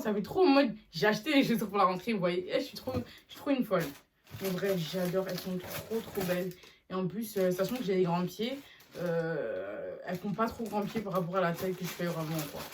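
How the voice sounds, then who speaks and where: Young female vlogger, lively and chatty, slightly low voice, sits back from the mic. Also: distant mic, slight background noise. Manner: chatty and animated, with slangy asides. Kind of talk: casual haul video chat.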